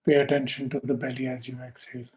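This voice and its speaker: A male yoga instructor calmly guides a meditation, leaving gaps between his short, measured phrases. His voice sits at a medium pitch and remains level, with little melodic variation.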